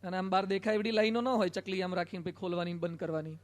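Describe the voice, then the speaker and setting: A Gujarati monk delivers a sermon to a gathering in a hall. His voice sits high for a man, and he tells anecdotes, voicing both sides of the exchange with light humor. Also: little pitch movement, racing. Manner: storytelling with quoted dialogue and humor. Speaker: monk preacher. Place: assembly hall.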